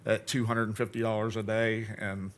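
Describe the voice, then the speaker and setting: Even-toned man addressing a board. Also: on the low side, moderate pace, background noise. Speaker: public speaker petitioning the board. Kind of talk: informal plea at a hearing. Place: public hearing room.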